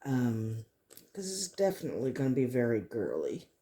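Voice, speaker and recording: Here a resin-tutorial vlogger speaks at a normal speed in a very deep, dark, sing-song voice. Her talk is loose and casual, thoughts spilling out as she works on the piece for viewers.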